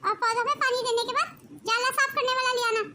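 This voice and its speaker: A woman's voice: extremely high pitch, steady tone, fast, bright, forceful tone, a little hiss or hum, heavily acted. A woman voicing a stingy, cruel young aunt who scolds and mocks a child. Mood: scolding. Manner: scolding, mocking. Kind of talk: cartoon voice acting.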